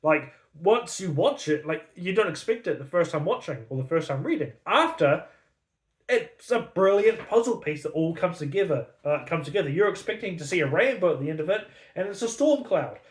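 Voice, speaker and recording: A man's voice: a little high, expressive, moderate pace, echoey room. A man giving a casual, angry, sarcastic book review full of swearing.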